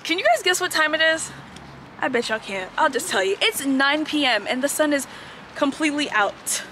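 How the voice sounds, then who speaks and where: A woman's voice: high-pitched, animated, normal speed, bright, forceful tone, a little hiss or hum. A woman vlogging her travels in a chatty, upbeat way, talking to her viewers on a phone camera outdoors. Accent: Haitian-American. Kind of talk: casual travel vlog.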